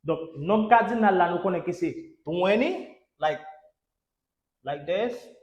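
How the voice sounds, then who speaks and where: A man's voice: high-pitched, animated, slow pace. A man with a Haitian accent teaching an English lesson. He drills each word by repeating it three times, spells out letters, and urges his class on with "let's go". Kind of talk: language lesson. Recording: echoey room.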